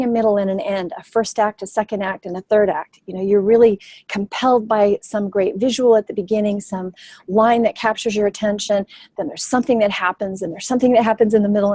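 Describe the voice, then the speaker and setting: A woman's voice: medium pitch, mellow, no room sound, low-quality recording. A filmmaker woman leading a webinar workshop on storytelling, speaking in an enthusiastic, fluent, teacherly way over a video call. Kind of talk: webinar presentation.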